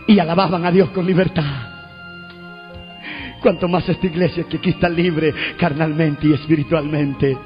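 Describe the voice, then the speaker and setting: A man preaching and telling his testimony, with loud shouted proclamations and call and response. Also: on the high side, steady tone, normal speed. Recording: dull lo-fi recording with faint music.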